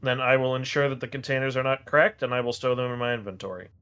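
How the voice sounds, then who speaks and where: A man's voice: medium pitch, fast, a bit bright, clear, resonant tone. A man talking casually as a player in a tabletop game.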